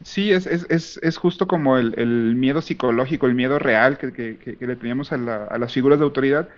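Mexican man, casual podcast chat, slangy and rambling, middle pitch, dull lo-fi sound. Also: fairly quick. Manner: rambling, frequent restarts and slang. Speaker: podcast co-host.

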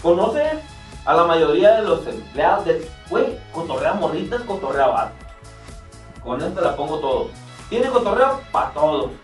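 A man's voice: on the high side, very animated, normal speed. A young Mexican man co-hosting a casual podcast, rambling through slang-filled stories with many restarts. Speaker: podcast co-host. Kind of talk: casual banter. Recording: roomy room, far from mic, music behind.

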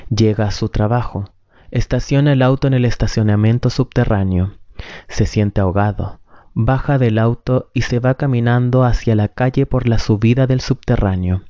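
A calm man narrates a story in an even, measured way. His voice is mellow and dark, heard dry and close in a dull, lo-fi recording. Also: mid-range voice, no echo. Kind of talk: scripted narration.

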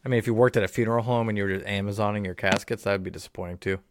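A man's voice: on the low side, steady tone, rapid-fire. A man with a New England accent co-hosting a podcast, cracking dry, teasing jokes in casual chat. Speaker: podcast co-host.

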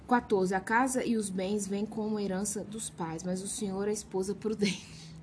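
A woman with a Brazilian accent reads Bible verses aloud, then breaks into frank, emphatic commentary that scolds as much as it teaches. Her pitch sits in an ordinary middle range, and a faint background hiss runs under the recording. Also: fairly even intonation, normal speed, a little mellow. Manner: blunt and emphatic, scolding asides. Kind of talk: informal devotional teaching over Bible verses.

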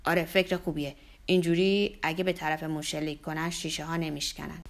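A woman's voice: low-pitched, level tone, pitched below the performer's own voice. Woman doing a paranoid drunk old father. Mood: panicked. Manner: jumpy, fearful muttering, pleading. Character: paranoid drunk older father, gruff and fearful. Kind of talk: audiobook character voice.

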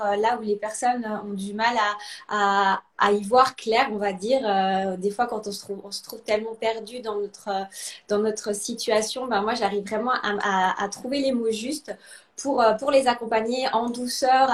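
A woman from Alsace, France, a guest in a live online interview, speaking softly and hesitantly with many fillers. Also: a little high, steady tone, moderate pace, echoey room.

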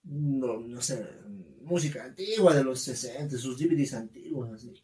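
Man, Bolivian accent, podcast co-host, animated storytelling, echoey room. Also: mid-range voice, moderate pace, crowd noise. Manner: animated, laughing, slangy storytelling. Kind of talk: casual chat, storytelling. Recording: roomy, distant from the mic.

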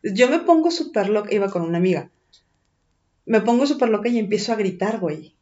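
A woman with a Mexican accent tells a personal story in casual chat, animated and full of slang and swearing. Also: mid-range voice, a little fast, lo-fi sound.

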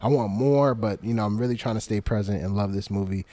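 A man with a warm, mellow voice talks in an animated, slangy way on a casual podcast panel. He says "like" a lot, and the recording is close and dry. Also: fairly low pitch, fast, no echo. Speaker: panel guest.

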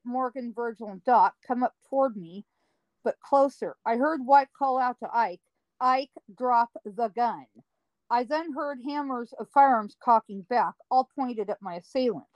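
A woman guest telling a personal story in an interview, slow and dramatic with drawn-out emphasis. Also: sits high, darkish tone, dry recording, poor audio. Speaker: guest recounting paranormal experiences.

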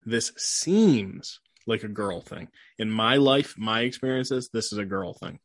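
A man's voice: fairly low pitch, a little slow, dry recording, studio quality. A young man co-hosting a podcast, talking loosely and acting out other people's reactions. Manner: animated, acts out others' voices. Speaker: podcast co-host. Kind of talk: casual chat.

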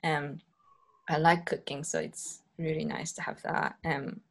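A woman's voice: sits low, level tone, unhurried, gravelly. Woman, podcast guest, casual chat, fillers, laughs. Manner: chatty, many fillers, playful laughs.

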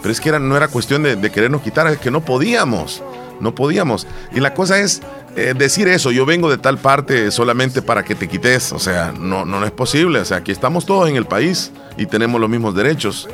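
Guy cohosting, medium voice, tells stories all animated, soft music behind. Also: mid-range voice, a little fast. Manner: animated storytelling, acts out quotes, many restarts. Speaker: co-host. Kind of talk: casual chat.

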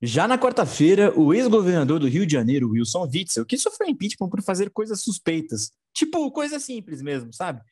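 Man, news co-host, sarcastic, slangy, somewhat high voice. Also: big pitch swings, fairly quick, few pauses, darkish tone, breathy edge. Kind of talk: informal political news commentary.

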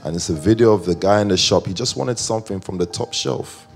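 A man's voice: fairly low pitch, a little fast, gravelly, soft background music. A male pastor preaching a conversational sermon with joking asides and rambling tangents.

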